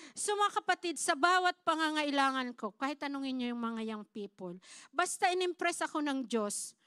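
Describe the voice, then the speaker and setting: Here a woman pastor tells her own testimony from the pulpit, in Tagalog mixed with English, acting out what people said and repeatedly addressing the congregation as "mga kapatid." Her voice sits high with a fairly bright tone. The recording is dry and studio quality.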